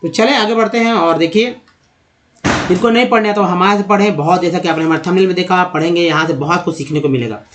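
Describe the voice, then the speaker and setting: A man, an English teacher giving a spoken phonics lesson, slowly spelling letters out and repeating each word for his viewers. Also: high-pitched, background noise. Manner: slow, repeats words and letters while explaining; addresses viewers as friends, checks in often.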